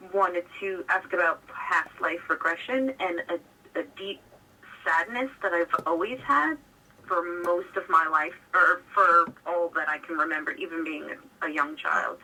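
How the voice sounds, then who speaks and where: Woman caller over the phone, sharp and distant. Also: lowish voice, steady tone, measured pace. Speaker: radio show caller. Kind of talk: phone-in conversation. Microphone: telephone. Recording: distant, harsh telephone line.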